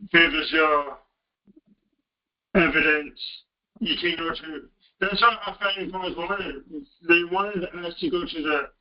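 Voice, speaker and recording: A man calls in over a phone line that is breaking up, his voice muffled and set well back from the mic. He sits a bit higher than most men and speaks haltingly, often restarting his words. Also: far from the mic. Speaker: caller. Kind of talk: call-in radio talk.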